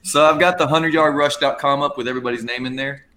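A man's voice: mid-range voice, fairly even intonation, quick pace, sharp tone. A man in his thirties hosting a casual group chat on a live stream, joking loosely and stumbling over his words. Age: 30s. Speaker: podcast host.

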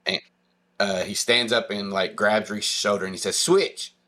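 A man running a tabletop role-playing game as game master, giving rulings and narrating in a relaxed, plain-spoken way. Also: lowish voice, moderate pace.

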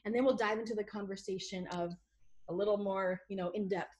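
A woman's voice: medium pitch, steady tone, brisk, darkish tone. A woman with a North Dakotan accent, co-hosting a casual conversational interview. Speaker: podcast co-host interviewer.

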